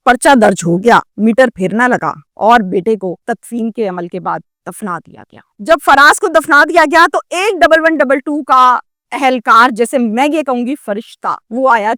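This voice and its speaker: A woman's voice: fairly high pitch, a bit bright, no room sound, studio quality. A woman, telling a story as a commentator in a dramatic way, with many rhetorical questions.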